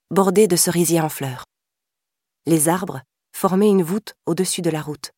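A woman reading a crime novel aloud in a measured, scripted narration. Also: fairly low pitch, mellow, no echo, clean studio sound. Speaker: audiobook narrator.

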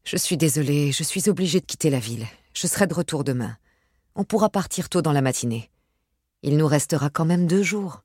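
A woman voicing a young man engaged to be married, apologetic and in a hurry, in her own low husky voice. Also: expressive, fairly quick, darkish tone, no room sound, studio quality.

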